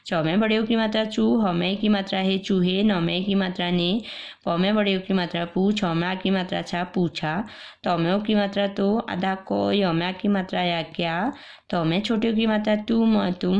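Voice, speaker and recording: A woman teacher with an Indian accent reads a children's story aloud, slowly spelling out each syllable and explaining words for young pupils. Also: medium pitch, steady tone, creaky, a little mellow. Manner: slow, patient letter-by-letter spelling and explaining. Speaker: primary school teacher. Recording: dull lo-fi recording.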